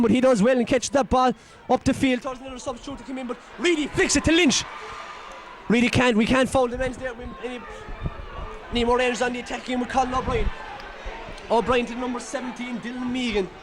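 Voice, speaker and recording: Excitable high-voiced Irish commentator. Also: male voice. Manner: excitable, shouting, openly partisan. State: nearly losing his voice. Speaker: local match commentator. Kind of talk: partisan live sports commentary.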